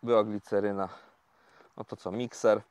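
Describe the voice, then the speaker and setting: A man talking casually to viewers in a fishing vlog, explaining each step in a relaxed, chatty way with many fillers, recorded outdoors by a lake. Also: on the low side, moderate pace, clear, resonant tone, dry recording. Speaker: carp fishing vlogger.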